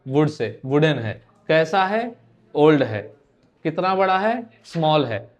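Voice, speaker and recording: A man's voice: fairly high pitch, sing-song, slow, muffled recording. A young man teaching an exam-prep grammar lesson, conversational and teasing, firing rhetorical questions at his students.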